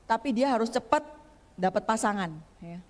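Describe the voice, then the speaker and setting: A woman's voice: on the high side, animated, moderate pace, darkish tone. A woman guest pastor giving a chatty, humorous sermon in a church, often turning to speak straight to the congregation. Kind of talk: conversational sermon. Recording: long church hall reverb.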